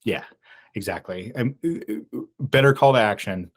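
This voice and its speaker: A man with a fairly low voice talks through ad design on a casual podcast. He wanders, restarts his sentences and fills gaps with ums. Now and then he laughs at himself. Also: normal speed. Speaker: podcast co-host. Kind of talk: casual podcast chat about advertising.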